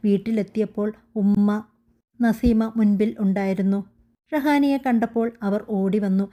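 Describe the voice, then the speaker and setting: A woman narrating a family drama story in a calm, even, scripted way. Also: medium pitch, a little slow.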